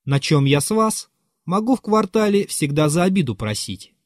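A man reading the part of a stubborn old manservant who talks slowly and quietly with a measured lisp and is wholly unbothered. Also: a little high, big pitch swings, no room sound, studio quality, voice pushed up. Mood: calmly insolent. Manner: quiet, unbothered and self-assured. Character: calm, stubborn, lisping old male manservant.

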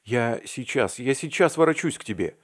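A man's voice: mid-range voice, expressive, moderate pace, no room sound, studio quality, pitched above the performer's own voice, close to an everyday voice. A man voicing a frantic, desperate young friend. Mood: pleading. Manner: crying out, desperate.

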